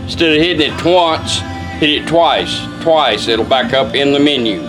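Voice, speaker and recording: A car radio restorer gives a casual, folksy product demonstration, using plain words and short step-by-step instructions while a car radio plays news and music in the background. His voice is medium-pitched at a moderate pace, and the recording quality is low.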